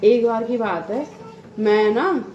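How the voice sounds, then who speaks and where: A woman's voice: fairly high pitch, takes it slowly, muffled recording, slight background noise. A woman in her thirties, a mother chatting casually while doing housework, rambling and laughing often. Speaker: vlogger and mother. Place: home bathroom. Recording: echoey room with faint ambience.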